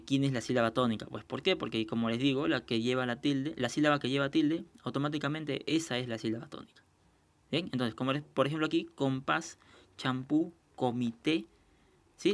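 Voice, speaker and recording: A man's voice: mid-range voice, fairly bright tone. Patient man teaching a recorded class. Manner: patient, explanatory, often checks understanding; slows down to sound out example words.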